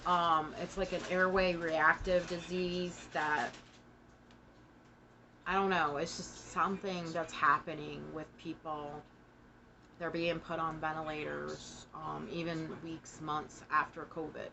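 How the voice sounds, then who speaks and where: Low-voiced, slow, breathless woman vlogger. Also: flat delivery, gravelly, bright, forceful tone, a little hiss or hum, rough recording. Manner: halting, broken phrasing with pauses. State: short of breath. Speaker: vlogger giving a personal family update. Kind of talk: casual, personal monologue to camera.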